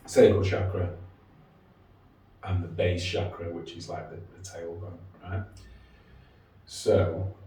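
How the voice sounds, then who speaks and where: A man with a very low voice guides a calm grounding exercise in a casual, conversational way. He often checks in with short questions. He is recorded at a distance in a heavily echoing room. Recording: distant, very echoey room with faint noise.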